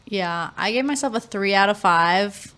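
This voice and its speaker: A woman's voice: mid-range voice, measured pace, clean tone. A young woman co-hosting a podcast, chatting casually and telling stories expressively. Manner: expressive, animated storytelling. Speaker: podcast co-host. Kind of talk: casual chat.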